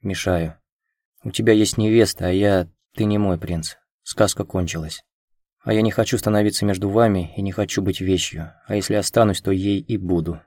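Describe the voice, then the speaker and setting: A man's voice: deep voice, steady tone, moderate pace, a little mellow, dry recording, clean studio sound. A man reading a hurt, proud young woman. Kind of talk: audiobook character reading.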